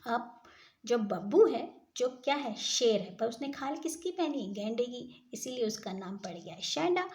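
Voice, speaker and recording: A woman's voice: fairly high pitch, animated, normal speed, darkish tone. A woman reading and explaining a children's story, often stopping to ask her listeners questions. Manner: retells each line and explains the wordplay, asks listeners questions.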